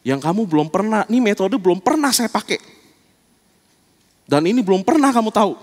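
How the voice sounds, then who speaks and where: A male pastor giving a sermon in an animated, casual storytelling way. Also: high voice, fairly quick, in a large hall. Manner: animated, colloquial storytelling preaching.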